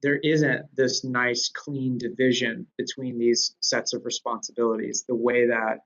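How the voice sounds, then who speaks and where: A man at an everyday mid pitch, talking through ideas in a casual discussion. He thinks aloud with plenty of fillers and restarts. The audio is a little dull and lo-fi. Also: level tone, unhurried, a bit bright. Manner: thoughtful, with frequent fillers and restarts. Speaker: guest speaker on DevOps. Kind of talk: conversational discussion.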